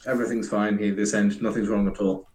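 A podcast co-host whose voice comes through distant and echoey, as if from an echo chamber, because of a faulty cable. He jokes in a dry, deadpan way. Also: fairly low pitch, fast, breathy edge. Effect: distant, echoey sound from a faulty cable, like talking in an echo chamber. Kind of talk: casual chat.

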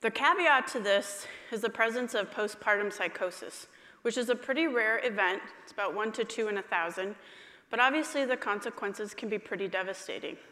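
Woman doctor giving a conference talk, crisp bright tone, long hall reverb. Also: mid-range voice, a little fast. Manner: clear, friendly lecturing with light humor. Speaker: emergency physician giving a talk.

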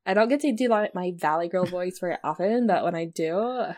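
A woman's voice: lowish voice, expressive, moderate pace, darkish tone. A woman co-hosting a casual discussion, chatty and giggly, often breaking off mid-thought and laughing. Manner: chatty, giggly, self-interrupting. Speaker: podcast co-host. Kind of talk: casual discussion and reading aloud.

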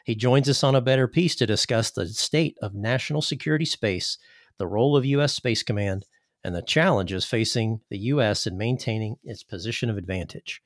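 An American man working as a podcast host, reading a scripted introduction and questions in a formal, measured way. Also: fairly low pitch, dry recording, clean studio sound. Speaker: podcast host, army officer.

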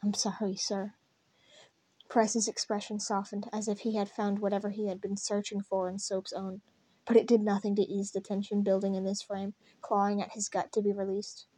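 A woman reading fan fiction aloud in a soft, even narration. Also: medium pitch, fairly quick, slightly rough. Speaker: reader.

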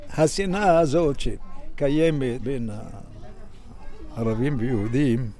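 An older man answering interview questions in a slow, plain-spoken way, often repeating himself. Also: mid-range voice, mellow. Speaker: interviewee, the storyteller's father. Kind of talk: casual interview talk.

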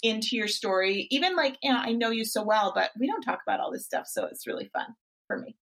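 A woman's voice: a little high, expressive, fast talker, fairly bright tone. A woman in her forties hosting a podcast as a fitness coach, talking in a casual, encouraging way with frequent restarts. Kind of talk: casual interview chat.

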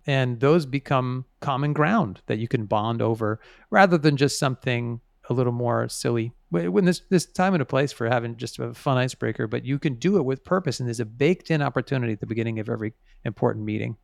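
A man's voice: medium pitch, fairly quick, gravelly, hardly any pauses, dry recording, studio quality. A man interviewed as an author, explaining things conversationally and stressing key words.

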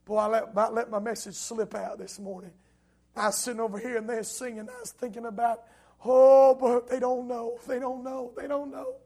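A man preaching a sermon at a church service, impassioned, with his voice swelling into shouted appeals. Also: extremely high pitch, flat delivery, moderate pace.

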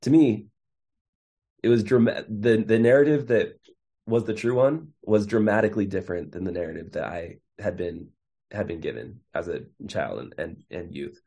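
Man, 30s, interview guest, low mellow voice, casual and full of restarts. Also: normal speed, creaky, slightly rough. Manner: casual, many fillers and restarts. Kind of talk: conversational storytelling.

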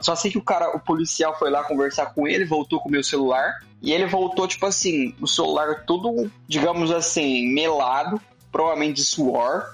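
A young man casually telling a story in lively slang, acting out the other people's lines. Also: fairly high pitch, a little fast, faint music behind. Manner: animated slangy storytelling, acts out voices. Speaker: storyteller guest.

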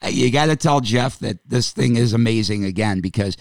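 Deep gravelly interviewer guy, upbeat and gushing, dry close sound. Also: normal speed, dry recording. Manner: enthusiastic, complimentary, chuckles often. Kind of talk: casual interview chat.

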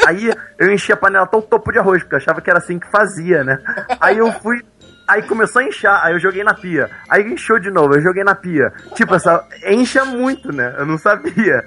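Young man, Brazilian Portuguese accent, podcast co-host, animated comic storyteller, frequent laughter. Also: sits high, husky. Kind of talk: casual chat, comic storytelling.

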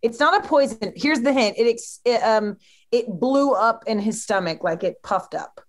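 A woman's voice: on the high side, moderate pace. Laid-back woman hosting a trivia chat. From Kansas City, USA. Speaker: podcast host. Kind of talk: casual podcast chat, reading trivia questions.

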